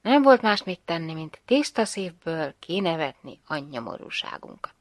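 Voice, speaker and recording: A woman reading a story aloud in an expressive, measured narration. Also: deep voice, no echo. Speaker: reader.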